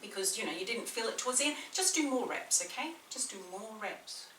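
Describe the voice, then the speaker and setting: Her fairly high voice moves fairly quickly with lively intonation and a bit of brightness, plus a little hiss or hum. This woman is a personal trainer with a slight New Zealand accent, coaching a beginner workout in a chatty, encouraging, talkative way. The small indoor room and distant mic lend a roomy echo and faint ambience.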